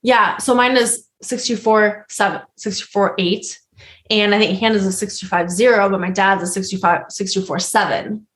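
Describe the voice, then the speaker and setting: A young woman hosting a podcast, telling a story in casual chat, rambling and animated, laughing often. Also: mid-range voice, moderate pace. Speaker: podcast host.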